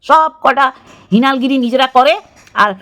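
Woman vlogger, angry scornful rant, slightly high pitch. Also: a little slow, fairly bright tone. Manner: scornful, abusive, disgusted outbursts.

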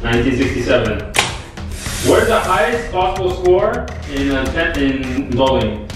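A young man bantering casually and excitably as a challenge host in a tiled bathroom. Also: medium pitch, normal speed. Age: young adult. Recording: echoey bathroom, distant mic, music behind.

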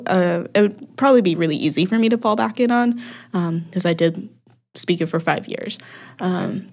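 This podcast guest, a young woman who works at music festivals, has a creaky voice on the low side. She chats casually in the interview, laughing easily and saying um often.

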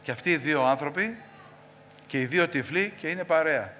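A man preaching a sermon in a church, repeating questions and answering them with rising force, then dropping to a low voice. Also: expressive, bright, forceful tone, big-room sound, slight background noise.

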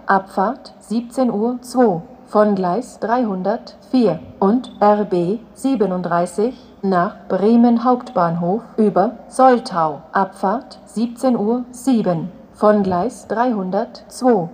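A woman making flat platform announcements as a station announcer, in a measured, segmented delivery. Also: medium pitch, slightly rough.

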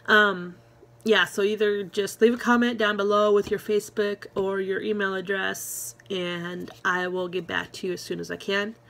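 A woman's voice: medium pitch, level tone, moderate pace, vocal fry, a bit bright. Chatty woman vlogging with lots of ums. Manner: rambling, many ums and restarts, chatty; friendly, encouraging to viewers. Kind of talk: casual chat to camera.

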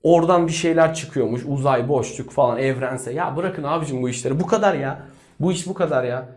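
A man teaching English with jokes and mocking asides, lively and teasing. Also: mid-range voice, a little fast. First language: Turkish. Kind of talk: comedic lesson rant.

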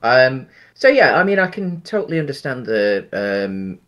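A man in his thirties with a medium-pitched, very animated, fairly bright voice speaks at a moderate pace while co-hosting a podcast. He's chatting casually about a film over a video call on a headset from a small room at home, hesitant, with many ums and restarts.

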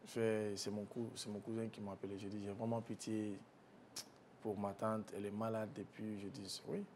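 Speaking to an interviewer as a guest, a man recounts a painful family story in a soft, halting voice, restarting sentences often. His tone stays level, though it drops low when he recalls the grief, and a faint rumble runs beneath the recording.

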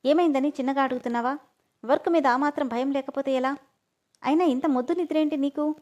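A frustrated, short-tempered male boss, as a woman storyteller puts him on. He scolds irritably, the voice staying fairly high. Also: fairly quick, darkish tone, lightly acted. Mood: scolding.

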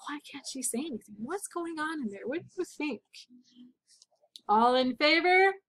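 A woman reads a children's book aloud in a fairly high voice. She pauses often to explain words and ask her young listeners what they think. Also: animated.

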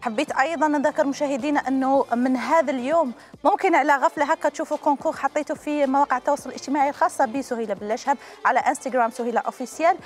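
A woman's voice: sits high, rapid-fire, faint music behind. A woman in her thirties with an Algerian Arabic accent, hosting a live call-in TV game show in a chatty, affectionate way from a studio on a lapel mic. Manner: chatty, affectionate toward callers.

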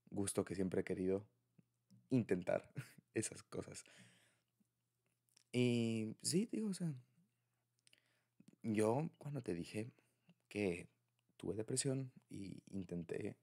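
Low-leaning, creaky and mellow, the voice belongs to a young adult man with a Mexican accent. He's an audio roleplay creator speaking to a partner as a boyfriend, keeping things intimate, informal and confiding.

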